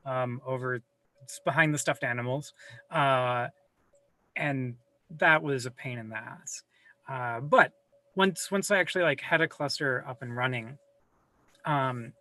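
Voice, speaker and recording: Casual swearing and self-deprecating rambling mark this video-call guest, who's recording from home in a room with a server rack. There's no echo, and the mid-range voice comes across a bit bright.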